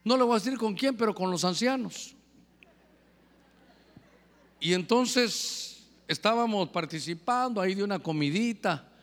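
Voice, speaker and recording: A man preaching a lively sermon as pastor, firing questions at the congregation, in an echoey hall. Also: high voice, measured pace, long pauses.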